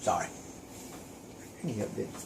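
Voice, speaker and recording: A man's voice: moderate pace, noisy background. Blunt man taste-testing food. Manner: blunt, folksy, dry humor, talks with mouth full. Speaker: taste tester, host's husband. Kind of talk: casual chat while eating.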